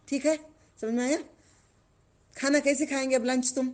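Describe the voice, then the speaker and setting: A woman's voice: sits high, fairly even intonation, a little mellow. A woman giving a religious lesson to children, questioning the class and drawing out repeated phrases. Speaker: religious teacher.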